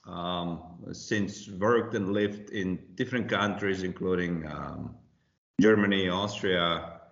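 A man's voice: low voice, slow, creaky, fairly bright tone. A man in his forties, born in Slovakia, speaking as a guest in a casual interview with many fillers and restarts. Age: 40s. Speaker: compliance consultant, guest. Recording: muffled, roomy remote audio.

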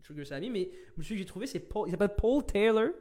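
Québécois man, podcast co-host, casual, filler-heavy, upper-middle pitch. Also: lively intonation, fast talker, darkish tone. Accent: Québécois French. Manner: chatty, laughs easily, many fillers. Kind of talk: casual chat.

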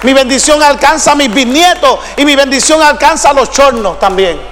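A male pastor preaching a sermon, swinging between shouted declarations and sung lines. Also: very high-pitched, lively intonation, moderate pace, big-room sound. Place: church sanctuary.

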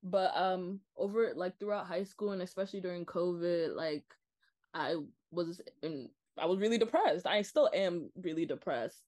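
Candid young woman guest, lowish voice. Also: moderate pace, a little mellow. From Nigeria. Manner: candid, earnest, many "like" fillers. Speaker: podcast guest. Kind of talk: casual podcast chat.

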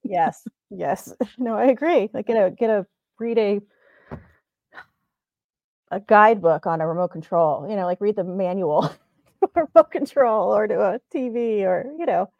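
A woman's voice: medium pitch, normal speed. A woman co-hosting a chatty podcast, laughing easily and rambling through her thoughts. Her voice comes through a dull, lo-fi recording in a dry space with no room echo. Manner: laughs often, rambling and animated. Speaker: podcast co-host. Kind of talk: casual chat.

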